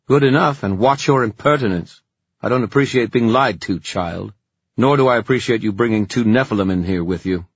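A man voicing a haughty, cold female warlock in an audiobook, with a husky, low-fi sound. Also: fairly quick, no room sound, lo-fi sound. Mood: stern. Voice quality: cold, expressionless.

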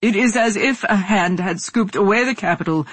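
A woman voicing a male war correspondent reporting slowly and haltingly from a disaster scene. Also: mid-range voice, husky, no room sound, natural voice. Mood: stunned. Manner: halting, slow, emotional reporting.

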